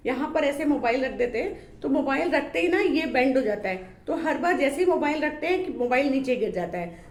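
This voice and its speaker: While showing items to the camera, a woman complains in a casual vlog about how low their quality is, talking chattily and using lots of fillers. Her voice is high-pitched and the sound reverberates.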